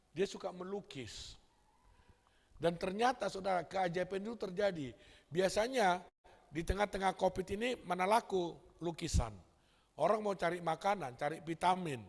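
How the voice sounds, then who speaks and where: A male pastor preaching a lively Sunday sermon, acting out quoted voices and calling the congregation brothers and sisters. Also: high voice, creaky. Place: large church hall. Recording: long church hall reverb.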